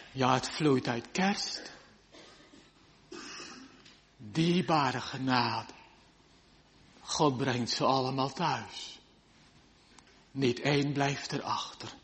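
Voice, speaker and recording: A man's voice: mid-range voice, a bit bright, slight background noise. A man preaching a fervent sermon in old-fashioned biblical language to his congregation in a church. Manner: slow, fervent old-style preaching with archaic scripture. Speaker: pastor. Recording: long church reverb.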